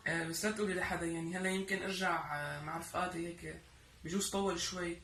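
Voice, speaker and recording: A young man with a Levantine Arabic accent talks casually, hesitating between quick bursts of words. His voice sits at a medium pitch, in a roomy space with faint noise. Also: little pitch movement, bright, forceful tone. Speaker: YouTube co-host. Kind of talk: casual phone chat. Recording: echoey room, faint noise.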